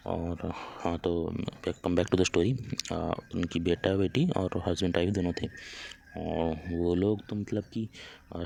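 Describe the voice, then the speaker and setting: A man casually telling a spooky story, halting often with fillers and restarts. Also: low-pitched, darkish tone, a little hiss or hum. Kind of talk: casual spoken horror story.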